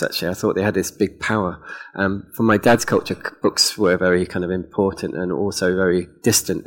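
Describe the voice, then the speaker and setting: A man speaking on a festival panel, hesitant and self-deprecating, with many pauses and ums. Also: sits low. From England. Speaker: poet on a panel. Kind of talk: live onstage conversation. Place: festival event before an audience.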